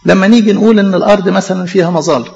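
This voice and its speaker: Fast, gravelly Egyptian preacher. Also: male voice, high-pitched, darkish tone. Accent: Egyptian Arabic. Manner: emphatic, poses rhetorical questions and answers them. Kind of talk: sermon. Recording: echoey hall, dull lo-fi sound.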